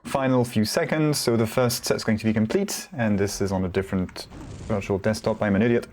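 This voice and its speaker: A man's voice: lowish voice, a little fast, darkish tone, slight background noise. A man giving casual solo commentary on a competitive video game match, rambling with self-deprecating asides.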